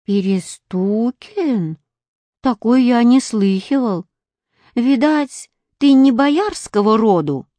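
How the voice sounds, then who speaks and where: A woman voicing a haughty young tsarevich boy who speaks slowly in a lofty, old-fashioned way. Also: on the high side, lively intonation, dark tone, no echo, pitched above the performer's own voice.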